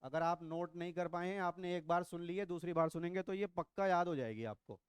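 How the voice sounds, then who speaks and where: Middle-aged male biology teacher, high smooth voice, playful and quizzing. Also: brisk, no room sound. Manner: teasing, quizzing students, mixes English into Hindi. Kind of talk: classroom lecture. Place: classroom.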